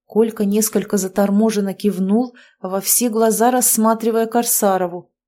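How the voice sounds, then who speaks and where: A woman reads a first-person story aloud. Her narration is steady, with a dry, wry touch. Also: medium pitch, moderate pace. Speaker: audiobook reader.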